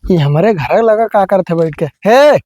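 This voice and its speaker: A man's voice: sits high, animated, measured pace, darkish tone. A man playing a stubborn young village husband in a comedy skit, bickering bluntly in an Awadhi accent. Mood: annoyed. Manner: blunt, bickering rustic talk.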